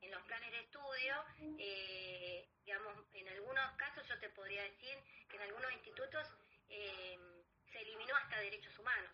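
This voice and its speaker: A woman with an Argentine accent, answering interview questions in a measured way, full of pauses and fillers. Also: medium pitch, dull audio, crowd noise. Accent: Argentine Spanish. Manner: hesitant, many fillers, measured explanation. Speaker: guest academic.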